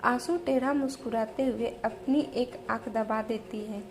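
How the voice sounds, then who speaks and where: A woman reading a romance novel aloud as a storyteller, in slow, even narration. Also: on the high side, noisy background.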